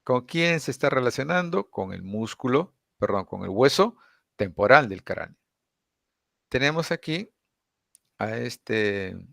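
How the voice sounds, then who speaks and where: Male lecturer, low gravelly voice, patient explainer, dry close sound. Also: a bit bright, dry recording. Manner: explanatory, with frequent tag questions. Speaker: anatomy teacher.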